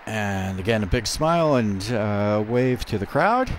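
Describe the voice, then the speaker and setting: A man doing live radio commentary from a studio, interpreting a speech in short, halting phrases. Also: on the low side, expressive, a little hiss or hum. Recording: music audible behind. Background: music.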